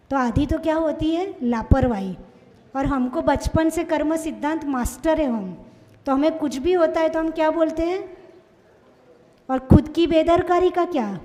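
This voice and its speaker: Woman preacher with an Indore accent; high, mellow voice, scolding rhetorical questions, sermon in a reverberant hall. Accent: Indian Hindi, Indore. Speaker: Jain nun preacher.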